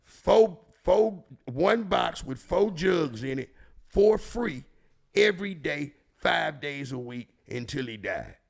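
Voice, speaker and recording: This Houston-accented storyteller and show regular has a heavily gravelly, fry-filled voice on the high side. Very animated yet slow-paced, he spins casual tales in emphatic, profane street slang that keeps looping back on the same phrases.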